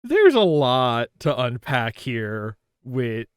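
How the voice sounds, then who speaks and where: A man's voice: mid-range voice, wildly swooping pitch, takes it slowly, smooth. A man co-hosting a casual anime podcast, leading the talk with playful asides and frequent laughter. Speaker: podcast co-host leading the episode discussion.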